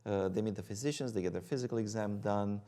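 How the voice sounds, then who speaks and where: A man's voice: lowish voice, fast, dark tone. Hesitant middle-aged Romanian-accented man. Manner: hesitant, many ums and uhs. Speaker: guest physician.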